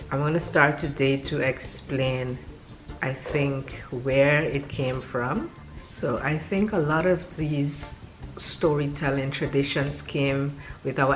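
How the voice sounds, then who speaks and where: A young woman with a West Indian Caribbean accent, talking to camera in a slow, drawn-out way with dips in volume. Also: a bass voice. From West Indies. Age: young adult. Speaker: vlogger. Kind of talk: casual storytelling to camera.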